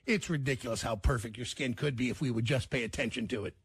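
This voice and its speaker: Male morning radio host: gravelly, husky voice, animated joking delivery, dry studio sound. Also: mid-range voice, fast talker, no echo. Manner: loud, joking, laughs often, does mocking voices. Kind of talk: casual morning radio chat. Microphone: studio microphone.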